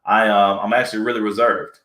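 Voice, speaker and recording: Male comedic actor, interview guest; relaxed, anecdotal, echo in the room. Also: lowish voice, brisk. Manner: relaxed storyteller, acts out quoted people. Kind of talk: casual interview chat. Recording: roomy echo.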